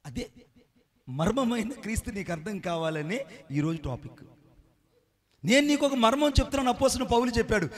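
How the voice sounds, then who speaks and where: High-voiced preacher quizzing his congregation. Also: expressive, brisk, long pauses. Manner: rhetorical questions to the congregation; acts out quoted dialogue. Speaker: pastor. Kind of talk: sermon.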